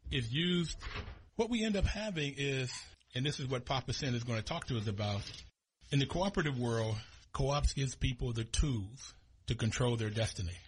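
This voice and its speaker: A man's voice: medium pitch, slightly rough. A man hosting a radio talk show, a little out of breath and enthusiastic, speaking in a studio. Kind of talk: radio interview.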